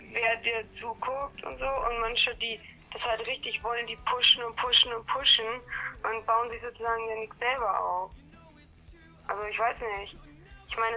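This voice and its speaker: A woman's voice: a little high, bright, forceful tone. A young woman chatting casually over the phone, heard through a speakerphone. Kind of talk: casual chat. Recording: phone call on speaker, music behind.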